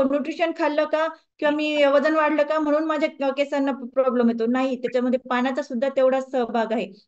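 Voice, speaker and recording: High-voiced woman coaching a wellness group. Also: muffled recording. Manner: conversational, asks the audience questions. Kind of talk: lecture to a group.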